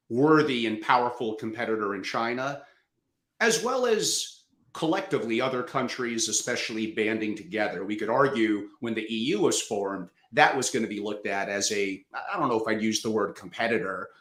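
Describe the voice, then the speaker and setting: A man's voice: medium pitch, a bit bright. A male host asking questions and commenting with wry, opinionated remarks. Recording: echoey room.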